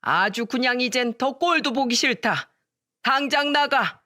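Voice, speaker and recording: A woman's voice: high voice, measured pace, voice pushed up. A woman reading a story voices a furious older father-in-law who scolds his daughter-in-law. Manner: scolding, shouting orders.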